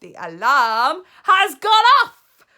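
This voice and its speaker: A woman voicing the menacing old witch leader of a storybook, drawing out loud, theatrical pronouncements. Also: sits high, huge pitch swings, slow pace, pitched above the performer's own voice, exaggerated voice. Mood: screeching triumph.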